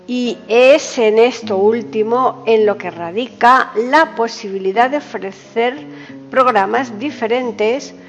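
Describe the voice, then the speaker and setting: A woman hosting a poetry programme, reading a scripted introduction in a formal, deliberate and carefully phrased way. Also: mid-range voice. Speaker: podcast host and presenter. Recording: dull sound, long hall reverb, guitar music behind. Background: soft guitar music.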